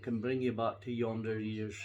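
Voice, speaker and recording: A man's voice: on the low side, level tone, moderate pace, darkish tone, dull audio. A middle-aged or older Scottish man chatting casually to camera, reminiscing in a rambling, folksy and reflective way. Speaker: pipe-smoking vlogger.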